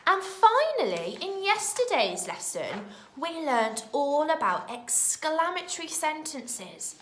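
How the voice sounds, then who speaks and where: In a recorded distance lesson for little kids, a woman teacher with a British English accent talks in a slow, clear, expressive way. Her voice sits high, the room echoes, and there is a little background noise.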